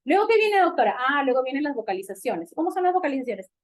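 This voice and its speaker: Animated Peruvian woman doctor lecturing. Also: high-pitched, fast. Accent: Peruvian Spanish. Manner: animated, asks and answers her own questions. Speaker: physical medicine doctor lecturing on child development. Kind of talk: medical lecture.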